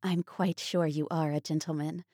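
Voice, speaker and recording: A woman's voice: low voice, fairly even intonation, normal speed, mellow, dry recording, studio quality. A woman voicing a proud, earnest young woman who speaks wistfully.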